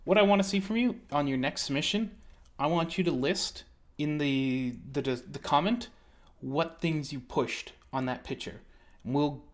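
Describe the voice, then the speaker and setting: A man's voice: a little high, normal speed. A man co-hosting a casual online art critique stream, joking and rambling as he corrects himself mid-sentence.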